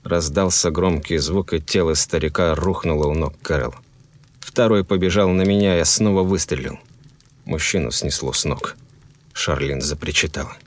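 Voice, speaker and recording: A man narrating a grim first-person horror story in a grave, measured way. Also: rumbling low.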